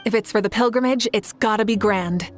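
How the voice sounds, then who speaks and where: A woman's voice: mid-range voice, fairly quick, soft background music, lightly acted. A woman playing a confident, good-humored warrior champion in a video game, speaking with easygoing assurance. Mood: assured, explanatory. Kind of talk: video game character voice acting.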